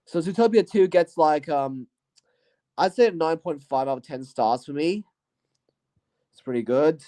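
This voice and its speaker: Hosting his own channel, this man reviews his year and the movies he watched in a loose, rambling way. His voice is a little high and a little slow, with a warm tone, and he hedges constantly with "you know" and "I guess," often trailing off.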